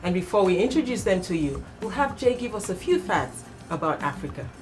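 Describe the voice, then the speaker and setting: A woman's voice: medium pitch, big pitch swings, fairly quick, soft background music. A woman hosting a studio talk show, welcoming guests and steadily asking them questions.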